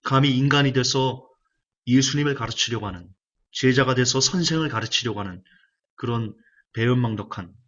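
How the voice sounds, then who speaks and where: Husky-voiced preacher, emphatic and repetitive. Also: male voice, mid-range voice, normal speed, fairly bright tone, muffled recording. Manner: emphatic preaching, repeats key phrases. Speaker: pastor. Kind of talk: sermon.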